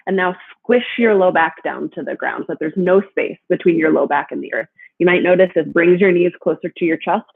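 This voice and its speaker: Woman, yoga instructor, soothing and encouraging, gentle guided class, muffled narrow-band recording. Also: on the low side, a little fast, gravelly, husky.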